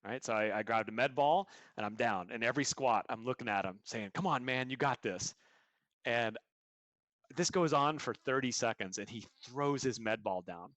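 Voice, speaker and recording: A man's voice: medium pitch, normal speed, fairly bright tone, no echo. A man being interviewed as a coach, explaining his ideas earnestly through stories and examples. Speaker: guest coach. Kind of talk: podcast interview answers.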